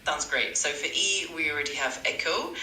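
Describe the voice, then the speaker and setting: Super bright ai tutor voice, polite, kinda far off in a roomy space w faint hiss. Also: medium pitch, moderate pace. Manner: polite, eager to please, stock phrases. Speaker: AI language tutor. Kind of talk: chatbot tutoring replies.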